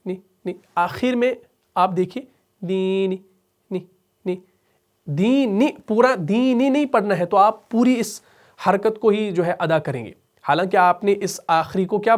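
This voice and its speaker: A man teaching Quran recitation rules in a lesson, explaining patiently, asking and answering his own questions, and chanting verses slowly and melodically. He speaks with a Pakistani Urdu accent. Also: high-pitched. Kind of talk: tajweed lesson with recited examples.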